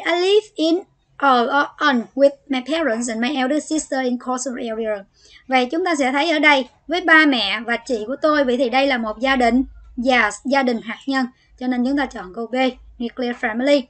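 A woman's voice: high-pitched, normal speed, fairly bright tone. A woman English teacher with a Vietnamese accent, talking students through vocabulary exercises and reading English words aloud between explanations. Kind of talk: exam exercise walkthrough.

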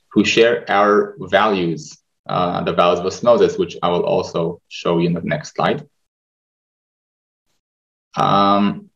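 A man, hosting a webinar over a video call in a relaxed manner with many fillers. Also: fairly low pitch. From Israel. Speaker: webinar host, medical student. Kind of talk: presenting a webinar over slides. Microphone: video call webcam. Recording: dull video-call audio.

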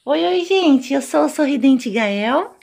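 A woman's voice: high-pitched, expressive, takes it slowly, vocal fry, darkish tone, voice pushed up, exaggerated voice. A woman voicing a cheerful chubby infant boy in squealing, sing-song baby talk with a Brazilian Portuguese accent.

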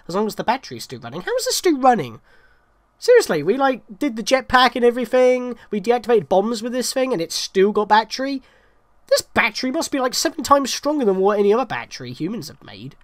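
Over game music, a woman with a somewhat high voice hosts a let's play video, offering casual, conversational commentary. The audio has no echo.

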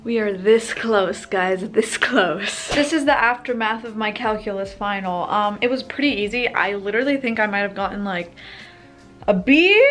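A woman's voice: mid-range voice, a bit bright. A young woman talking casually to her camera at home in a chatty, upbeat vlog, with lots of "like" fillers. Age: young adult. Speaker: vlogger.

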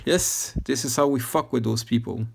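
A man's voice: mid-range voice, moderate pace, gravelly, a little hiss or hum. A man hosting a scam-baiting video, taunting a caller with constant swearing and mocking laughs. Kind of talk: profane taunting phone call.

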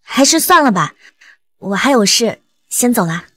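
An actress playing an overlooked young adult daughter who speaks softly and politely. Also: female voice, a little high, big pitch swings, normal speed, dry recording, exaggerated voice. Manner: soft, polite.

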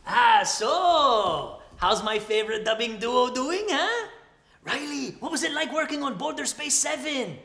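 A slick and evasive male talent agent in a web comedy. He blusters crudely, stammers and wheedles, with a very animated delivery that jumps up and down in pitch. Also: measured pace, creaky, full character voice. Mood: smarmy. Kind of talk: scripted comedy acting.

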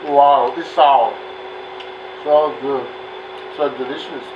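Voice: medium pitch, steady tone, slow pace, far from the mic, muffled recording, background noise. A vlog host enthusiastically praising food while chewing with a full mouth. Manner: enthusiastic, exclaiming over each bite. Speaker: vlogger host. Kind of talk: casual food-tasting vlog. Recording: echoey room with loud music behind.

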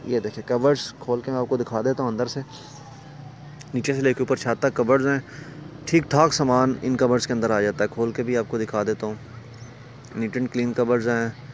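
Holding a phone camera as he walks, a property dealer with a Pakistani Urdu accent tours a large empty rental house, indoors and up the stairs. His medium-pitched voice carries a little hiss or hum, and he talks in a salesy way, constantly pointing things out to the viewer.

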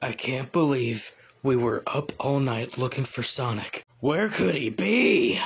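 A man voicing a moody, exasperated young hedgehog with a whiny, grumbling manner and husky voice in an improvised comedy dub. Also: medium pitch, animated, unhurried, highs cut off, slight background noise.

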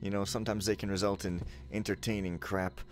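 A man's voice: fairly low pitch, little pitch movement, brisk. A man giving casual, sardonic, rambling commentary as he plays through a video game. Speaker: let's play host. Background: video game sound and music.

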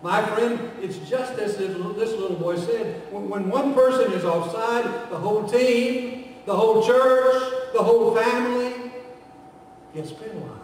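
Unhurried and high-voiced, the older guest preacher with a Southern American accent preaches a storytelling sermon in a medium-sized church sanctuary, voicing the people he quotes and dropping from loud to hushed. A far camera and pulpit mic record echoey, distant sound with slight background noise.

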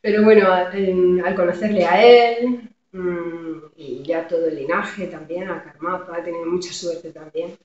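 A woman's voice: lowish voice, unhurried, darkish tone. A middle-aged woman from Madrid with an accent from Spain, telling her story casually as an interview guest, hesitant and giggly. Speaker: interview guest, Buddhist practitioner. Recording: very echoey, distant, muffled microphone.

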